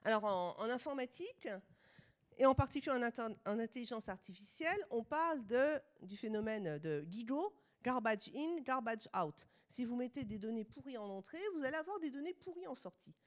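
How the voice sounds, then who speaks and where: A woman's voice: a little high, sing-song, a little fast. A middle-aged woman from France with a French accent, giving a conference lecture with ironic asides.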